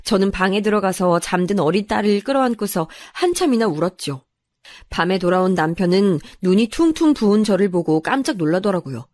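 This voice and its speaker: A woman narrates a first-person story in a soft, confiding way. Her voice sits at a middle pitch. The sound is dry and close, with no room echo. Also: animated, a little fast.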